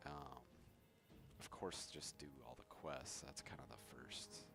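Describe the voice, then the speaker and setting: A man's voice: very deep voice, measured pace, gravelly. A man giving a casual, rambling and hesitant commentary on his gaming progress, recorded on a cheap microphone. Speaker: gaming video creator. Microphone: cheap temporary microphone. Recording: cheap poor microphone, loud music behind. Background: loud music.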